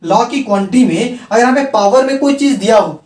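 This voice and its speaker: A man's voice: very high-pitched, a little fast, darkish tone. A male teacher giving a chemistry lecture, repeating key terms and asking and answering his own questions. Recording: roomy sound from a distant mic.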